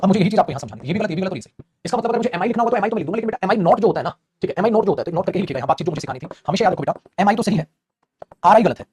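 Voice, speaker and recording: A man leads an online English grammar class at a rapid clip. His tone is energetic and chatty, and he keeps calling his students "beta". His voice is husky and a little breathy. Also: sits high.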